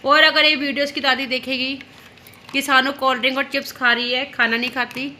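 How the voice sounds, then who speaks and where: Young mom vlogger, high and very bright voice, chatty and teasing, recorded at home. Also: female voice, flat delivery, a little fast, slight background noise. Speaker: vlogger and mother. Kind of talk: casual home vlog chat.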